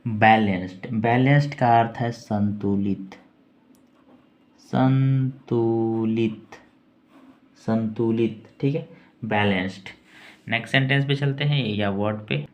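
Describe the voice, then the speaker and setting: A man teaching English pronunciation, spelling each word letter by letter and repeating it slowly. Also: medium pitch. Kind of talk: slow pronunciation lesson.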